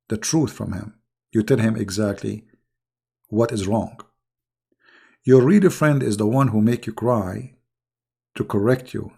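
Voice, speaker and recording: A YouTube channel host with a hoarse, gravelly, lowish voice delivers a casual polemical monologue to viewers, mocking his opponents. He sounds scornful, with sudden loud rises.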